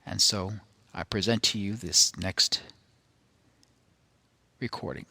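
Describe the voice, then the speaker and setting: A man with a low but bright, forceful voice presents a recording. He speaks very slowly and carefully, breaking his explanation into short, halting phrases. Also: creaky. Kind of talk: informal explanatory monologue.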